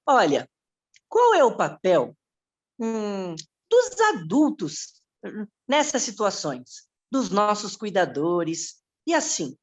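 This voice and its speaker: A woman's voice: medium pitch, huge pitch swings, very slow, pauses often, full character voice. A woman voicing a curious, polite young boy who interviews guests on a children's show. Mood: earnest. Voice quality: childlike, wide-eyed and earnest.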